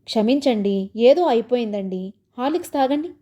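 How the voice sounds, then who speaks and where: A woman's voice: a little high, animated, normal speed. A woman voicing a patient, good-humoured young wife who coaxes her husband. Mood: coaxing. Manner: gentle, coaxing.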